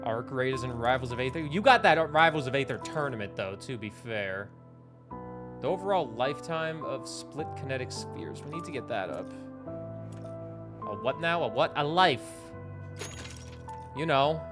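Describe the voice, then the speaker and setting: A man's voice: medium pitch, unhurried, long pauses, over music. A man in his twenties from New England, chatting casually with his live-stream chat while playing a game. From New England, United States. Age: 20s. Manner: animated, chatty, reads and answers chat.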